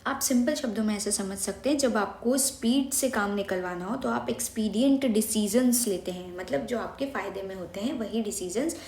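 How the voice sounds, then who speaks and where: A woman's voice: medium pitch, moderate pace, few pauses, a little mellow, roomy sound. A young woman teaching vocabulary for exam prep, explaining step by step and asking questions she then answers herself. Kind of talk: Hindi-English mixed vocabulary lesson.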